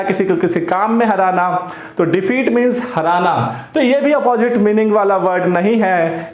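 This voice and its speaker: A man teaching English vocabulary for exam prep, explaining slowly and repeating key words as he switches between Hindi and English. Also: high voice, reverberant.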